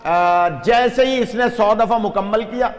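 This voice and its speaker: A man preaching a sermon and telling a story to a gathering, urging his listeners to stay awake. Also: high voice. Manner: lively narration with audience asides. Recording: reverberant hall.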